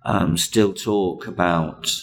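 A man, a comedian chatting as a guest, hesitant with many pauses and restarts. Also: sits low, fairly even intonation, vocal fry. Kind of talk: casual interview chat.

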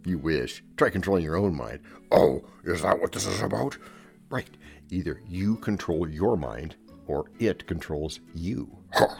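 A man's voice: low-pitched, animated, unhurried, gravelly, darkish tone, faint music behind. A man hosting a scripted comedic podcast with a wry, theatrical delivery and playful asides. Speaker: podcast host.

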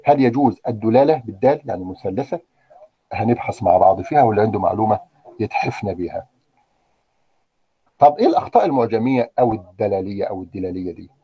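A man's voice: on the low side, animated, quick pace, slightly rough, dull audio. A man with an Egyptian Arabic accent teaching a live language lesson in a conversational way, often checking in with "okay?" and putting questions to his students. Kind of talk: live online grammar lesson.

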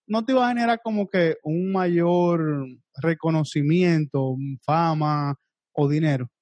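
A man's voice: on the high side, unhurried, a little mellow, dry recording. A man co-hosting an interview, talking casually and slangily. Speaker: interview co-host. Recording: dull dry sound.

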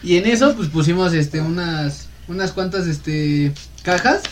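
A man's voice: sits high, a little slow, a little hiss or hum. Joking young Mexican man. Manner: joking, slangy, interjecting. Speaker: podcast co-host. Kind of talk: casual banter.

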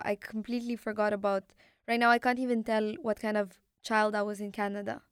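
A woman's voice: on the high side, clear, resonant tone, no room sound, clean studio sound. A woman from Morocco, a native Arabic speaker, hosting and asking long, reflective questions. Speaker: podcast host. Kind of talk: interview.

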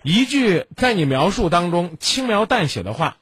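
A man's voice: high voice, very animated, moderate pace, fairly bright tone, slightly rough, no room sound. A man hosting a call-in advice show, lecturing bluntly with rhetorical questions. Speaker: radio advice host.

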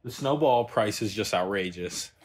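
A young man co-hosting a podcast, chipping in with quick short remarks in casual chat. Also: fairly low pitch, lively intonation, a little hiss or hum.

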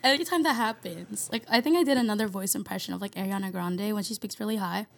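Giggly woman with a gravelly fry. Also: medium pitch, fast. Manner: giggly, hesitant, laughs often between phrases. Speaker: podcast co-host. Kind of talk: casual chat.

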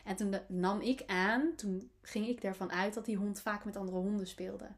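A woman hosts her own podcast and talks at an ordinary pitch. She muses in a loose, personal way, stopping often for fillers and picking her words again as she goes. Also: fairly even intonation, normal speed. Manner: reflective, many fillers and restarts. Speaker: podcast host, animal coach. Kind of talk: casual solo podcast monologue.

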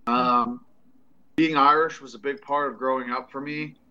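A man's voice: mid-range voice, steady tone, moderate pace, pushed and bright, highs cut off. A Canadian man chatting casually on a podcast, hesitant and full of ums and restarts, but blunt and profane.

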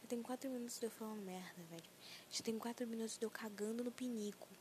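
A woman's voice: on the high side, fast, a little mellow, a little hiss or hum. A young woman of nineteen hosting a solo podcast, ranting in a self-mocking, profane and rambling way, anxious. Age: young adult. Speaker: podcast host.

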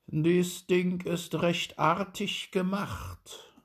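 A man's voice: sits high, fairly even intonation, extremely slow, pitched above the performer's own voice, full character voice. A man reading a fairy tale, voicing a sly, mocking foreign guest who speaks in a sneering, knowing manner.

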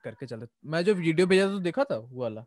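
A man's voice: a little high, expressive, fast talker. A young man hosting a podcast, chatting casually and rambling, often tagging his points with "okay?". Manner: rambling, hedging with "okay?" tags. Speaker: podcast host. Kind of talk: casual chat.

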